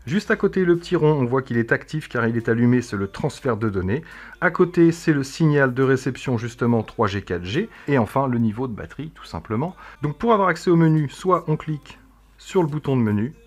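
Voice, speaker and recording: A man's voice: medium pitch, breathy edge. A man reviewing a tech product, explaining its menus in a casual demo with frequent hesitations. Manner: explanatory, with frequent "euh" fillers.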